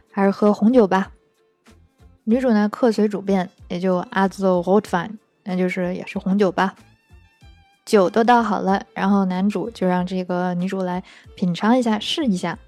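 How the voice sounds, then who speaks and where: A woman explains German phrases in a relaxed, chatty lesson. Her voice is warm and mellow, at an ordinary pitch. The recording is close and dry, with faint background music. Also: normal speed, dry recording. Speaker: German language teacher.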